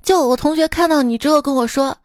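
A woman's voice: high-pitched, fast. A woman hosting a podcast, reading listener jokes aloud in a chatty, teasing way. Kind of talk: casual comedic reading.

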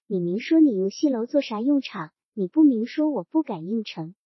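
A woman's voice: on the high side, expressive, normal speed, breathy edge, no room sound. Woman reading a stubborn old clan head guy, blunt and dismissive, dry close sound, kinda lo-fi. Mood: guarded, dry. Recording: dull lo-fi recording.

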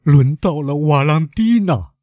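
A man's voice: fairly low pitch, very animated, measured pace, a little mellow, husky, dry recording, dull audio, exaggerated voice. A man voicing a desperate middle-aged prosecutor who cries out in alarm. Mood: frantic. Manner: desperate, crying out.

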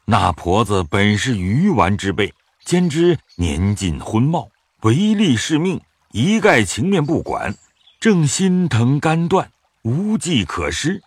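A narrator telling a classic novel in measured scripted narration, with a husky voice. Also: mid-range voice, dry recording. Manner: measured storytelling with lively rise and fall.

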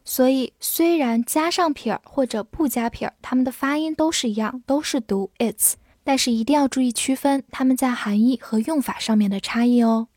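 A woman with a fairly high voice gives a patient vocabulary lesson, spelling each word out letter by letter. She reads example sentences slowly and clearly. The sound is dry and close, with no room echo. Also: a little mellow. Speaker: English teacher.

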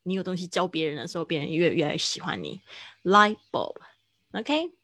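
A woman teaching English vocabulary in Mandarin on a livestream, explaining slowly and repeating words for drill. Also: lowish voice, sing-song, dry recording. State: hiccuping.

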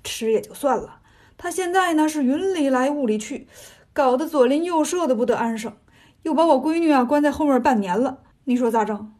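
A woman's voice: high voice, animated, fairly quick, a little mellow. A woman voicing a fretful old farmer father who grumbles in a folksy, colloquial way. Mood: complaining.

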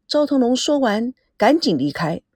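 A woman narrating a radio serial. Her fairly high voice moves in lively, animated swoops. The sound is dry and close to the mic. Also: normal speed, slightly rough, no room sound. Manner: animated storyteller voice. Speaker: radio drama host and narrator.

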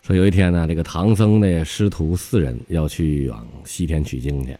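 A man's voice: normal speed, faint music behind. A man with a Northeastern Mandarin accent telling comic stories solo as host of his own show, laughing at his own jokes. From Northeast China. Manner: lively, laughing at his own jokes, jumps pitch for quoted characters.

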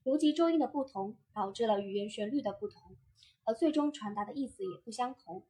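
Female voice-acting tutor with a breathy, husky tone and a somewhat high pitch. Measured, scripted lesson read. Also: lively intonation, dark tone. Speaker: voice-acting teacher. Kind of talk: scripted instructional narration.

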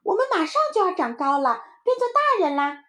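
A woman voicing a cheeky little boy in a storybook, with a high chirpy child voice and a boastful manner. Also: sing-song, a little fast, a bit bright, heavily acted. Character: cheeky little boy proud of his drawing.

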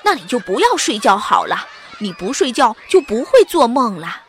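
A woman's voice: fairly high pitch, very animated, moderate pace, fairly bright tone, a little hiss or hum. A woman voicing a cheerful, well-meaning schoolboy who eagerly offers ideas. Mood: helpful. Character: cheerful, well-meaning boy, a loyal friend.

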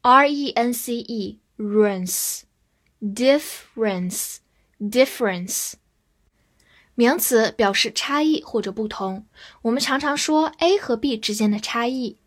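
A woman teaching English vocabulary in a scripted lesson, spelling each word out letter by letter. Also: on the high side. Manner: slow, spells words letter by letter.

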